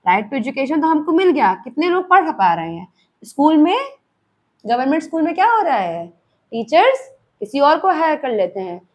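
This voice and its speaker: A woman's voice: a little high, a little mellow. A young woman with an Indian accent, giving a classroom lecture that mixes Hindi and English. She talks to her students conversationally and keeps checking in with them. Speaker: teacher.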